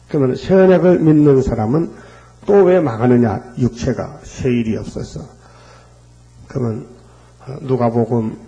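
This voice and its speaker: A male pastor preaching a fervent sermon, asking rhetorical questions and filling pauses with hesitations. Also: medium pitch, warm tone, highs cut off.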